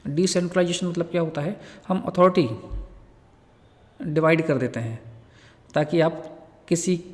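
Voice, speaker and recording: A man gives a nursing lecture in a fairly high voice. He reads each English point slowly before explaining it in everyday words. His voice rings out in a long-reverb room. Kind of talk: Hindi lecture explaining from slides.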